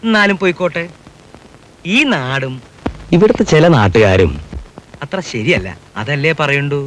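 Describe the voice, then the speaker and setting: Actor as animated, highish village father. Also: normal speed, slight background noise, close to an everyday voice, low-quality recording. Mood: knowing, grumbling. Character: opinionated village father, talkative and advising. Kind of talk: film drama dialogue.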